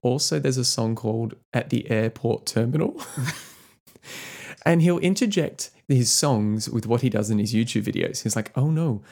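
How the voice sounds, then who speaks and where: A man's voice: medium pitch, expressive, normal speed, vocal fry, darkish tone. A man co-hosting a podcast, chatting casually about music, rambling with lots of fillers. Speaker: podcast co-host.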